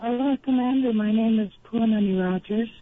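A woman caller from Hawaii comes through on speakerphone, her voice distant from the phone. The line is thin and tinny, and she greets everyone in a measured, formal way. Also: fairly high pitch, dry recording. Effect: on speakerphone, away from the phone. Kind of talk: call-in radio question.

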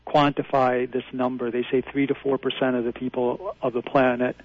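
A radio call-in caller explains his theory with earnest insistence in a mid-range, level voice at normal speed. The phone line sounds dry and muffled, with no echo.

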